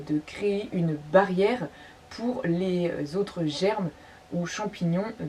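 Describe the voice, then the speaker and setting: A woman's voice: lowish voice, dark tone. Woman, product presentation vlog, hesitant with fillers, a bit far from the mic, faint noise behind. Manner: hesitant, many fillers and restarts. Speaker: tack shop owner presenting products. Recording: slightly distant mic, faint background noise.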